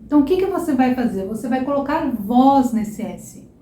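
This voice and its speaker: A Brazilian woman teaching a Portuguese lesson online, repeating example words slowly and checking in with "tá?" and "ok?". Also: high-pitched, animated, dark tone, roomy sound. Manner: slow, drawn-out repetition of example words; checks in with frequent "tá?" and "ok?".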